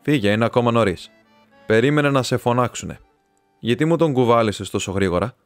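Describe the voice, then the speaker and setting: A man's voice: medium pitch, expressive, dry recording, soft background music, natural voice. A man voicing an irritable middle-aged magistrate who questions sharply and gets flustered. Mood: irritated.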